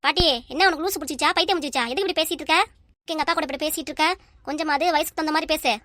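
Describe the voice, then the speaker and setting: A woman's voice: sits high, very fast, sharp tone, no room sound, clean studio sound. A woman voicing an outspoken young granddaughter in a cartoon family comedy, blunt and indignant in how she talks.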